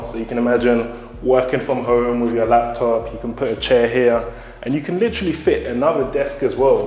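A man's voice: mid-range voice, a little mellow, echoey room. A young man with a London accent leading an enthusiastic walk-through tour of a newly built house, talking straight to viewers. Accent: London English. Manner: upbeat, enthusiastic, addresses viewers directly. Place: empty newly built house, indoor rooms and garden.

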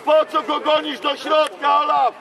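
A man coaches from the sideline of an outdoor football pitch, barking names and short commands. His shouts run high and slow, with plenty of swing. A crowd murmurs and traffic hums behind him. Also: expressive. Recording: noisy outdoor crowd recording. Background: crowd and street noise.

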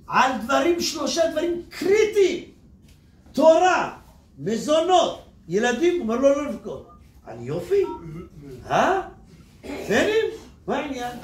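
A man who is a rabbi, giving an animated Torah sermon to an audience and breaking into emphatic shouts. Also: very high voice. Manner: animated, addresses listeners as "my teachers and rabbis", bursts into emphatic shouts. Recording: echoey room, distant mic, faint noise.

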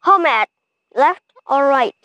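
Squeaky lost little kid, slow and confused, muffled. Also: male voice, expressive, pushed and bright, dry recording, full character voice. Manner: halting English, then slow careful speech.

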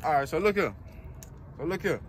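A man's voice: fairly high pitch, expressive, a little fast, slight background noise. Man talking around a cigarette. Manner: repetitive, slangy, mumbled through a cigarette. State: cigarette in mouth. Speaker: comedy sketch creator. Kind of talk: comedy skit.

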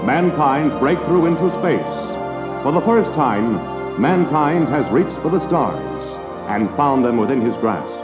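A man's voice: mid-range voice, big pitch swings, slow. A man announcing in the grand, solemn, proclaiming manner of a dramatic 1950s broadcast, like an old sci-fi announcer. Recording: archival 1950s broadcast with loud music.

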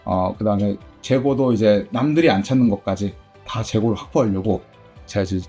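A man's voice: a little fast, breathy edge, faint music behind. A middle-aged man who owns a game shop, answering interview questions in a chatty way, full of fillers. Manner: chatty, many fillers, lively pitch. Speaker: game store owner.

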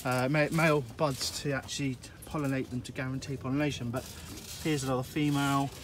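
Over music, a man with a mid-range voice speaks briskly as he gives a relaxed, rambling tour of his allotment and polytunnel, dropping in plenty of uhs. He's filming outdoors on a handheld phone while walking.

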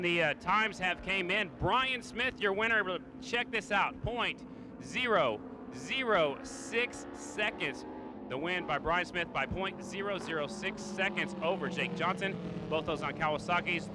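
A man commentates live on a motorcycle race with an excited, high-pitched voice. His calls are short and punchy. Loud engine and outdoor noise surrounds him. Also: moderate pace. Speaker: race track announcer. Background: motorcycle race track ambience.

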